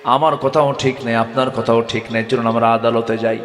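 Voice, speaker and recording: A man's voice: medium pitch, fairly even intonation, moderate pace, fairly bright tone, lightly acted. A man preacher voicing a stubborn male horse seller who argues insistently. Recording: echoey hall with long reverb.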